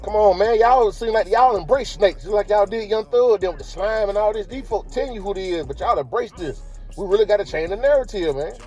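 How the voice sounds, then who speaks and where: A man's voice: high-pitched, brisk, a little mellow, soft background music. A man hosting a casual commentary vlog, talking in slang and throwing rhetorical questions at his viewers. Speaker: commentary channel host.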